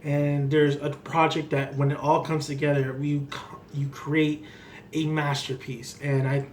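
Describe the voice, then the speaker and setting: Male film reviewer, slightly high voice, rambling and emphatic, off-the-cuff delivery, faint background noise. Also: little pitch movement, unhurried. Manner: rambling, emphatic, repeats himself. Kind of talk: casual unscripted film review. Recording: clearly noisy background ambience.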